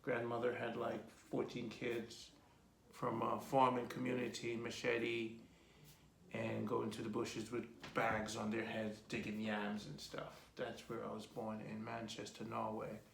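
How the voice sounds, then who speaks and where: A man in his fifties with a Jamaican accent, telling his life story in a relaxed, rambling interview with many ums. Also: lowish voice, a little slow, vocal fry, slight background noise. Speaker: host being interviewed by his daughter. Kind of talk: casual personal interview. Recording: echoey room.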